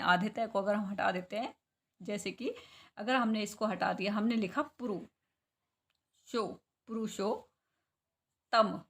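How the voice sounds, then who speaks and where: A woman's voice: mid-range voice, a bit bright. A woman teaching a spelling lesson to young children, patiently repeating syllables and asking questions she answers herself. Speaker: school teacher.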